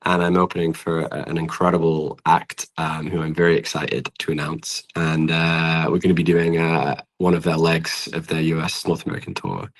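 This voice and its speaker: This young man from Britain has a bass voice with fairly even intonation, talking at a moderate pace with few pauses. Appearing as a musician on a laid-back podcast interview, he is effusive and informal, his phrasing hesitant and peppered with "like."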